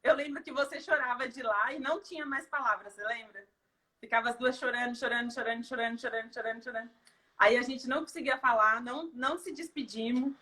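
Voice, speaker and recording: A woman's voice: fairly high pitch, fast talker, pushed and bright. A woman telling a personal story in an emotional testimony, heartfelt and tearful, with many fillers and restarts. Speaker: guest giving a testimonial.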